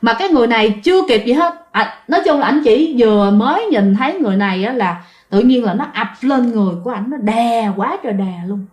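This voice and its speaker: A woman's voice: fairly high pitch, lively intonation, quick pace, a little mellow. A woman with a Southern Vietnamese accent, casually telling a ghost story and speaking straight to her listeners. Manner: chatty, addresses listeners directly, frequent fillers.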